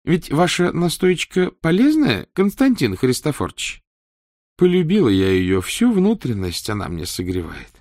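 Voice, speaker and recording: Fussy older empress, put on by a male reader, high and swooping, dry close sound. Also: darkish tone, no echo, exaggerated voice. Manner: high, breathy put-on woman's voice. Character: aging empress, fussy, easily alarmed.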